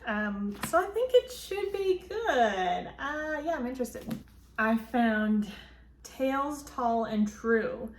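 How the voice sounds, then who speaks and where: Woman, phone video recording, roomy echo, casual rambling chat, slightly high voice. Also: lively intonation, slow, a little hiss or hum. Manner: chatty and rambling, with frequent ums and likes. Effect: filmed as a phone video. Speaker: book vlogger. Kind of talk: casual book haul chat. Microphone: phone camera.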